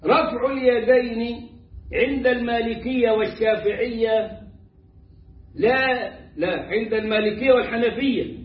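Egyptian male religious teacher, high-pitched, jokey and instructive; recorded far off in an echoey room. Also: unhurried, pauses often. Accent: Egyptian Arabic. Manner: joking, mimics mispronunciations. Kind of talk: colloquial religious lesson. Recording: echoey room, distant muffled mic.

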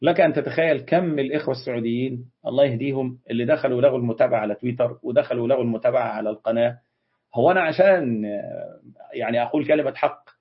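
Egyptian guy hosting a live q&a stream, rattles off answers to viewer comments, husky voice, dull lo-fi audio. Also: mid-range voice. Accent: Egyptian Arabic. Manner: brisk, reads out and answers viewer comments, quick dismissive retorts. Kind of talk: casual live Q&A on religion and history.

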